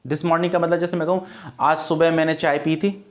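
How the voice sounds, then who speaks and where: A man's voice: fairly high pitch, level tone, normal speed. Man teaching English exam vocabulary. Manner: repeats key words as questions to students, explains patiently. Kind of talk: exam-prep grammar lesson.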